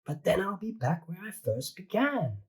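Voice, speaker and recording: A reader voicing a calm wise old man who gives short, matter-of-fact advice in a storybook. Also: mid-range voice, moderate pace, breathy edge, voice pushed up, exaggerated voice.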